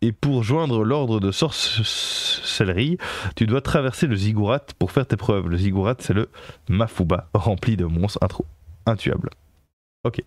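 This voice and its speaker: A man's voice: lowish voice, a little slow, no echo. A man with a French accent streaming a game live, reading the on-screen text aloud and translating it, with many fillers and self-corrections. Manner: chats with viewers and thanks them. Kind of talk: casual live game commentary.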